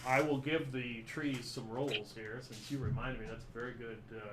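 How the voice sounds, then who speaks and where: A man's voice: medium pitch, fairly even intonation, moderate pace, background noise. Rambling man running a tabletop game. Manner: rambling, full of fillers and little laughs. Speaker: game master.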